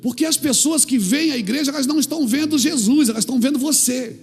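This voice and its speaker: A Brazilian man preaches with fervor, his voice pitched high and gravelly. He acts out little dialogues and climbs to shouted peaks. Soft music plays faintly underneath. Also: quick pace. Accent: Brazilian Portuguese. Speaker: pastor. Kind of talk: sermon.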